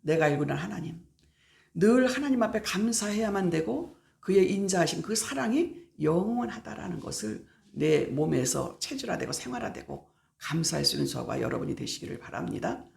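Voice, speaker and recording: A woman's voice: on the low side, sing-song, moderate pace, creaky, darkish tone. A middle-aged woman pastor preaching at a prayer meeting, stressing her points by repeating words and acting out everyday exchanges. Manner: emphatic, repeats key words, acts out everyday dialogue.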